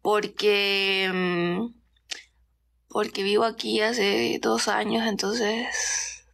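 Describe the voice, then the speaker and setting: Chatty young Chilean woman, gravelly fry. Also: medium pitch, level tone, very slow, fairly bright tone. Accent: Chilean Spanish, softened by Mexican. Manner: chatty, easily distracted, rambling with many fillers; drops into whispers now and then. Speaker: content creator. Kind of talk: casual story time while doing makeup.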